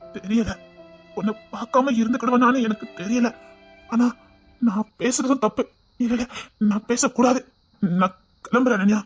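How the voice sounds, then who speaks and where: A shy, devoted young man, acted by a woman, speaks with a Tirunelveli accent in a husky, breathy voice. He stammers and hesitates, apologizing softly. It is web-series drama acting, tender and earnest. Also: fairly high pitch, normal speed, pauses often, soft background music. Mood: tearful. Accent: Tirunelveli Tamil.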